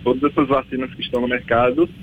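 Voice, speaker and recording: A man from the backlands of Bahia with a Bahian Brazilian accent and a husky voice, explaining as an expert guest in an informal, emphatic way. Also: mid-range voice, little pitch movement, fast, phone-quality sound. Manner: emphatic, colloquial, checks listener understands. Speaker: vaccine researcher, interview guest.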